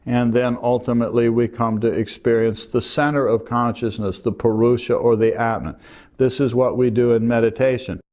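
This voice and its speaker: Gentle older male meditation teacher. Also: medium pitch, little pitch movement, normal speed. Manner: gentle and explanatory, pointing to a drawn diagram. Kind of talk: calm spoken lesson.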